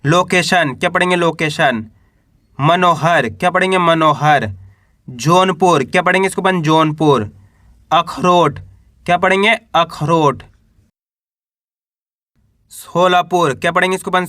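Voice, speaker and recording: A man teaching Hindi reading, who asks a question and then answers it himself, drawing out each syllable slowly as he sounds out the letters. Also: sits high, pushed and bright, no room sound, clean studio sound. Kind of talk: patient step-by-step spelling lesson.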